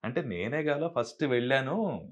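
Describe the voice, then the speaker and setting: A man's voice: medium pitch, normal speed. A man who works as a dubbing artist, telling stories in a casual interview and acting out the voices of people he quotes. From Andhra Pradesh, India. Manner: animated, acts out quoted dialogue.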